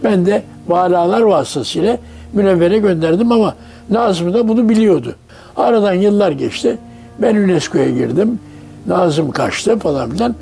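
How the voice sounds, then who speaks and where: A man's voice: sits high, animated, moderate pace, gravelly, warm tone, breathy edge. A man in his nineties from Turkey, recalling his life in a documentary interview as an anecdotal storyteller who acts out the dialogue of the people he quotes. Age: 90s.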